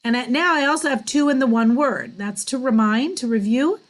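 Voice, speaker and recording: A woman teaching cantillation in a class, explaining slowly and chanting the syllables in a drawn-out sung voice. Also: high voice, poor audio. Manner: wry and self-deprecating with small laughs. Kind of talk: online class teaching Torah trope.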